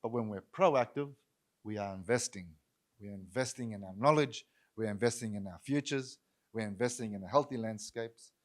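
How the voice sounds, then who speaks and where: A man giving a public lecture as a guest speaker, talking earnestly and repeating key phrases for emphasis. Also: medium pitch. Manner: acts out bystanders' voices in quotes.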